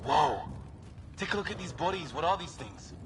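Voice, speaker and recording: A man's voice: high voice, lively intonation, fast talker, background noise. A man voicing an alert, curious explorer soldier in a science fiction video game. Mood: startled, curious.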